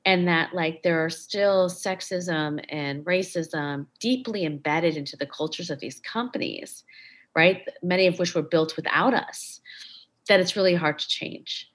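A woman's voice: on the low side, a little slow. A woman guest in an interview, speaking in an impassioned, emphatic way. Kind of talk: interview conversation.

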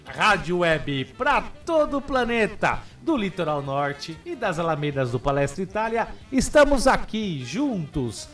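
A Brazilian man hosting a radio show with dramatic, deliberate announcer delivery of a scripted introduction. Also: high-pitched, a bit bright, far from the mic.

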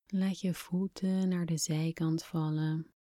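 A woman leads a guided relaxation in a soft, breathy near-whisper. Her voice is mellow and fairly low, and she speaks very slowly and soothingly. The sound is close and dry. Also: flat delivery, no room sound. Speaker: podcast host, relaxation guide.

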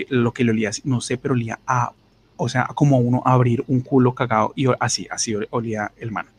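A man's voice: medium pitch, a little hiss or hum. A young man with a Bogotá Colombian accent, casually telling a crude, slangy story on a podcast and mimicking other people's voices. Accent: Colombian Spanish, Bogotá. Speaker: podcast co-host.

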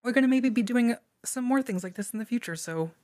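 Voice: mid-range voice, expressive, a little mellow, poor audio. A podcast co-host reading a creepy story aloud, then chatting casually and laughing often. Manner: laughs often, drawn-out emphasis.

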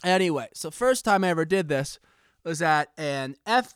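Hosting a laid-back podcast, a late-twenties man spins an animated story full of rambling, self-deprecating jokes, at moderate speed. He sounds a touch high for a man, smooth and clean, a bit breathless, and close-miked with no room sound.

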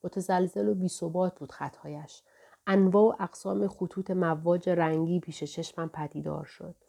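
Woman reading a novel out loud, low warm voice, steady and measured. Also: creaky. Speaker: audiobook narrator. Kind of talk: scripted narration of a novel.

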